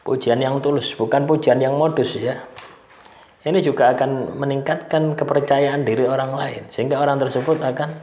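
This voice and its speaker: A spiritual self-help speaker with a mid-range, dark voice gives a casual numbered-list talk at a moderate pace and steady tone. He keeps adding a tag "ya" after his phrases. The room sounds roomy and slightly dull.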